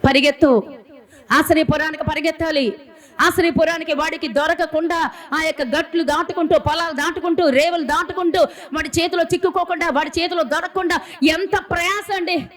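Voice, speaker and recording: A woman's voice: very high voice, fairly even intonation, fairly quick, a bit bright. A woman preacher giving an emphatic sermon, repeating phrases and asking the congregation rhetorical questions. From India.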